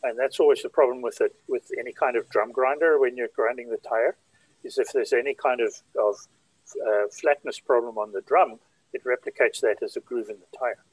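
A man's voice: mid-range voice, steady tone, a little fast, husky, no room sound, low-quality recording. A man chatting on a video call, explaining things in a thoughtful way. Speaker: panel member. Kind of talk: casual chat.

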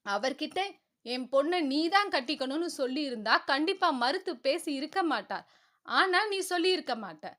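A woman's voice: high-pitched, lively intonation, normal speed, fairly bright tone. A woman voicing a spoiled, hot-tempered young woman who demands answers in an indignant tone in a storybook reading.

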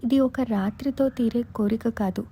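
A woman voicing an earnest young unmarried man who speaks in a hushed, tender way. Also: a little high, normal speed, gravelly, slightly rough.

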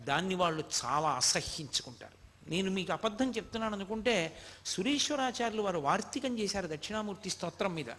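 High bright-voiced man giving a devotional talk. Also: expressive, fast talker. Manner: storytelling, quotes scripture, addresses listeners directly. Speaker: spiritual speaker. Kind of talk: devotional discourse.

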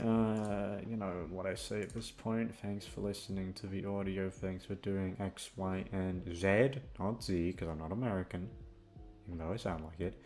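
Low-pitched and a little mellow, this man is an audio roleplay creator rambling casually through an outro chat. His talk to listeners is scattered and self-deprecating, full of free swearing, with music in the background.

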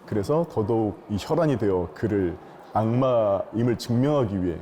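A man speaking in an unhurried, earnest way, his voice mellow and warm. His pitch moves freely as he thinks aloud and explains things at length in a relaxed interview chat. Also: slight background noise. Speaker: musical actor as interview guest. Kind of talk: casual interview talk. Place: quiet room with some ring.

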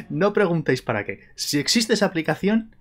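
A man with a Spain Spanish accent chats through a live painting stream. His voice is lively and rises and falls a lot as he jokes and teases himself. Soft music plays faintly behind him. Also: fairly high pitch, normal speed. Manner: playful, joking and self-mocking. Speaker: live painting tutorial host. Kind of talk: casual live-stream chat while painting.

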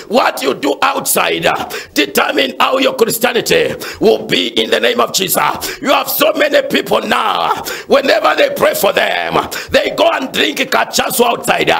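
A man's voice: very high voice, vocal fry, a bit bright, husky. A man preaching fervently and praying with callers on a phone-in, with frequent "uh" fillers. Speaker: pastor. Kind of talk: shouted sermon and prayer phone-in.

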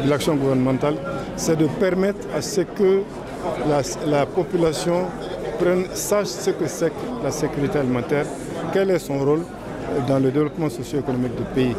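A man who works for a food security agency, explaining its role in an interview and restarting phrases as he goes. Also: fairly high pitch. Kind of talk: interview answer. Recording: crowd chatter.

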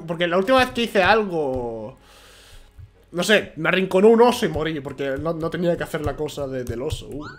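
A man from with a cold commentating a video game at a home microphone, half-shouting and rambling. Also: on the high side. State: has a cold. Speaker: gamer. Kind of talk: let's play commentary.

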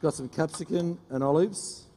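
Chef, middle-aged, brisk and cheeky, headset mic on a live stage with faint noise. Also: male voice, fairly high pitch, dark tone, long reverb tail. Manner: brisk, joking, teases the audience. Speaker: chef doing a cooking demo. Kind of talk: live cooking demonstration. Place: studio kitchen stage with a live audience.

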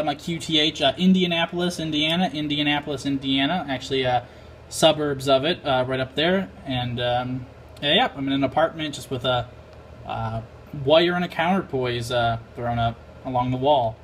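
An American man with a fairly high voice speaks at normal speed in a casual vlog about amateur radio, sounding a little unsure at times. He records in a small apartment room using a handheld camera's microphone, and background noise is clearly heard.

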